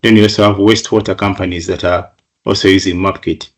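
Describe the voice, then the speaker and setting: A middle-aged man from Uganda giving a webinar presentation over a video call, measured, often repeating words as he goes. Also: low-pitched. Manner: measured, flat delivery with frequent repeated words.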